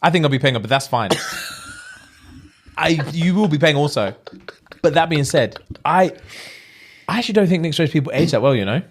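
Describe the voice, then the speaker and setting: Animated young man, casual podcast chat. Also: a little high, fairly quick, pauses often. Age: late 20s. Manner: animated storytelling, slangy and jokey. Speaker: podcast co-host.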